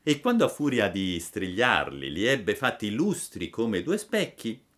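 A man narrating a storybook slowly and expressively. His voice swoops widely as he lingers over each phrase in a dramatic reading. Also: fairly low pitch, sing-song, a bit bright.

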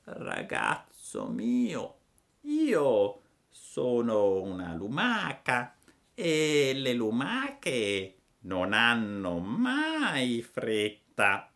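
A man voicing a placid, unhurried female snail in a storybook reading, with a slow drawl. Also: mid-range voice, huge pitch swings, fairly bright tone, voice pushed up, heavily acted.

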